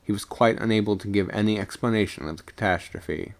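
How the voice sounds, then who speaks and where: A man's voice: lowish voice, vocal fry. A man reading a ghost story of the sea aloud as a storyteller, stumbling now and then over words. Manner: halting, with stumbles and repeated words. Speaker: story reader.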